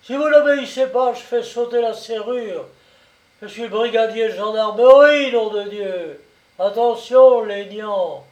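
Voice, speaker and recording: A man's voice: high-pitched, takes it slowly, dark tone, recorded from a distance. A man voicing a blustering rural gendarme sergeant who bellows orders in rustic speech. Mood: bellowing. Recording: echoey room, voice set back.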